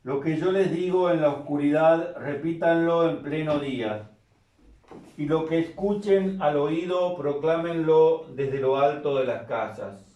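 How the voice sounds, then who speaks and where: A man's voice: on the high side, measured pace, dark tone. A man serving as priest, reading scripture and preaching in a careful, explanatory way, his voice carried by a cathedral echo. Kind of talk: liturgical reading and homily. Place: large church. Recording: echoey church from a distance.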